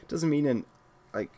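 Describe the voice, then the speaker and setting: A man's voice: fairly high pitch, mellow. A young man from Wales ranting at home, blunt and exasperated, often restarting his sentences. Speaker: gaming channel host. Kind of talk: casual ranting monologue.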